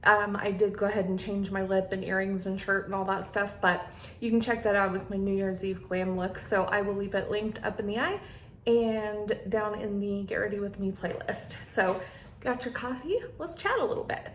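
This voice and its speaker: A woman's voice: mid-range voice, fairly even intonation, moderate pace. Lady doing a chatty sit-down vlog, bit of a lisp from her retainer, roomy echo, some background noise. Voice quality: slight lisp from wearing a new retainer. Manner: friendly rambling chat addressed to viewers. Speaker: beauty vlogger and channel host. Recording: echoey room with clear background noise.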